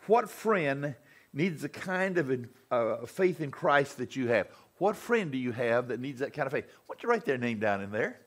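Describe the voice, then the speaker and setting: Casting: older male pastor, lively storytelling sermon, slightly husky voice. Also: medium pitch, normal speed. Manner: animated storytelling, acting out other voices.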